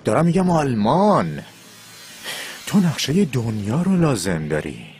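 A man's voice: medium pitch, very animated, a little mellow, a little hiss or hum, natural voice. An actor dubbing a sly man who teases out a family secret in a TV drama. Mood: teasing. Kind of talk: dubbed TV drama dialogue.

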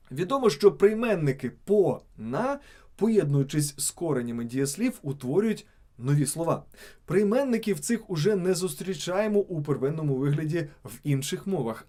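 A man's voice: fairly high pitch, warm tone. A man reading scripted narration for a video channel, stressing each example word on its own.

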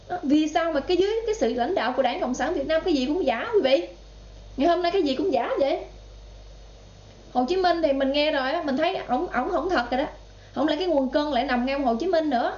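A woman's voice: high-pitched, a little mellow. A woman with a Southern Vietnamese accent giving political commentary in a vlog, indignant and talking straight to her viewers. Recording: roomy, slightly dull sound.

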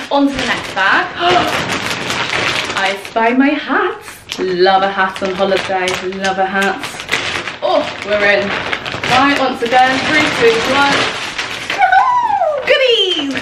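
A woman's voice: mid-range voice, background noise. A young woman vlogger gushing about her outfits as she sorts clothes at home. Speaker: fashion vlogger. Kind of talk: casual styling chat to camera. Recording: roomy echo, distant from the mic.

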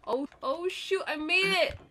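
A woman's voice: very high-pitched, a little slow, noisy background. A woman playing a co-op video game, chatting casually and laughing often. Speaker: gamer. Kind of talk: casual co-op gameplay chat.

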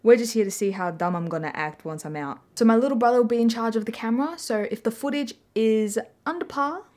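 A young woman talking casually to camera in a playful, animated storytelling way, recorded in a bedroom. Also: on the high side, fast. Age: young adult. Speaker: vlogger. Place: small bedroom indoors.

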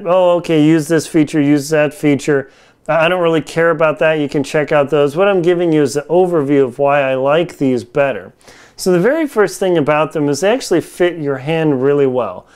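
In a home kitchen, a forties-aged man reviews products to camera through a lapel mic, sounding slangy and conversational. His voice is fairly high, very clean and smooth, with a darkish tone.

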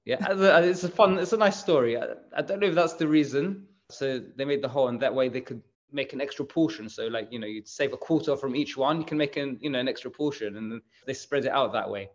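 A man's voice: medium pitch, quick pace, few pauses, dull audio. A man, talking casually in an interview and explaining things in a rambling way with lots of fillers. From England. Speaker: bakery managing director.

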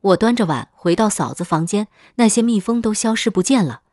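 A woman narrating a first-person horror story in a steady, matter-of-fact scripted read. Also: mid-range voice, fairly quick, no room sound, studio quality.

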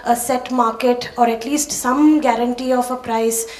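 A woman's voice: a little high, fairly even intonation, moderate pace, a little mellow. A woman in the audience asking a long question, hesitating with many ums and uhs. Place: auditorium audience. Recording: echoey hall, heard from far off.

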